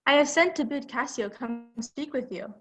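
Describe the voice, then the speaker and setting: A young woman, a student actor, playing an anxious and evasive young noblewoman in an amateur Shakespeare scene, speaking quietly and hesitantly. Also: high voice, moderate pace, soft background music, close to an everyday voice. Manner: quiet, soft, hesitant delivery.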